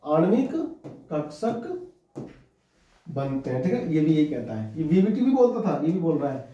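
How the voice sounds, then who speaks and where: A man's voice: on the high side, big pitch swings, quick pace, mellow. Guy teaching a class, keeps going "thik hai na", kinda dull lo-fi sound, echoey room, heard from far off. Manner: repetitive, keeps asking students to write and confirm. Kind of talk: classroom chemistry lecture.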